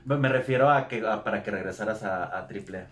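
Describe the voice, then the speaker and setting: A man with a Mexican accent interviewing a guest in a relaxed, slangy way. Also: lowish voice, fast talker. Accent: Mexican Spanish. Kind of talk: casual interview. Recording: echoey room.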